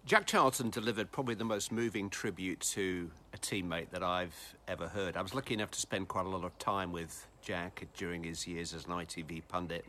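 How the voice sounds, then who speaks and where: A man telling a solemn story as a spoken tribute, rising to loud bursts when he quotes. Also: low voice, fairly even intonation, brisk, few pauses. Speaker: broadcaster giving a tribute.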